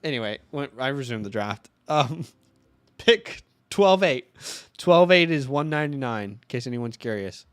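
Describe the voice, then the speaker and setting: A man's voice: medium pitch, lively intonation, measured pace, clear, resonant tone, dry recording. A man in his twenties chatting casually on a livestream as co-host, thinking aloud and counting out his math. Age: 20s.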